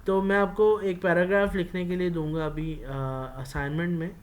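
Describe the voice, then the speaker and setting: Pakistani male lecturer, conversational classroom delivery, frequent filler pauses. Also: high voice, little pitch movement. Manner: mixes Urdu with English phrases, many filler pauses. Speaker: university lecturer.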